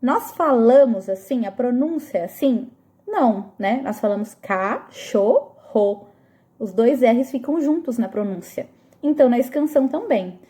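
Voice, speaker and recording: A woman's voice: on the high side, lively intonation, normal speed, warm tone. A woman teacher giving a review lesson to eighth graders, explaining patiently and often stopping to check that the students follow. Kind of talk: recorded classroom review lesson.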